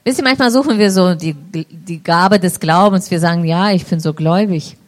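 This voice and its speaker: A woman's voice: fairly low pitch, moderate pace. Woman interpreting a sermon. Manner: renders each phrase right after the preacher, steady and clear.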